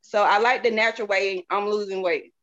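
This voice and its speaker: Speaking a little fast, this woman from the American South has a medium-pitched, steady, slightly bright voice. She chats openly and folksily as a product-selling interview guest, echoing phrases for emphasis in a casual testimonial. The recording sounds dull and lo-fi.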